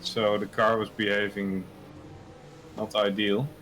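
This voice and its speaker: Low-voiced understated man, casual interview. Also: little pitch movement, slow, a bit bright, low-quality recording. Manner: understated, matter-of-fact. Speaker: racing driver being interviewed. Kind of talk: casual post-incident interview.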